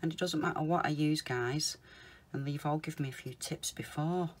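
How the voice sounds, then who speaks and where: A woman talking viewers through a polymer clay project, chatting casually, calling them guys and murmuring softly to herself as she works. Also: low voice, normal speed. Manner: chatty, often calls viewers guys, mutters softly to herself while working. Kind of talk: casual crafting tutorial.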